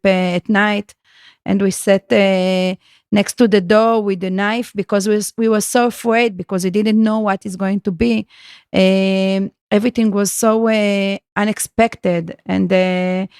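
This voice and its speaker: A woman guest with a gravelly, creaky edge to her voice. She speaks haltingly, groping for words and starting her sentences over. The recording is dry and close. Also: mid-range voice, a little mellow, no room sound. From Israel. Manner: halting, searches for words, many restarts. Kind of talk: conversational podcast interview.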